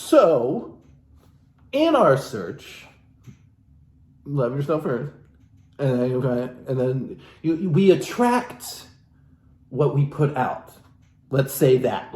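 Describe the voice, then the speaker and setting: A man with a medium-pitched, darkish voice reads a self-help book aloud theatrically and playfully, breaking off for wry, joking asides of his own as a comedic reader and commentator. The room is echoey, with background hiss.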